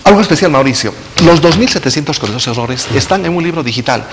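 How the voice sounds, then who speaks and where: A man's voice: a little high, lively intonation, fast talker. A man, a linguist guest on a TV studio interview, explaining words in a didactic and playful way. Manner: didactic, playful with wordplay, chuckles often. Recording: long hall reverb, faint noise.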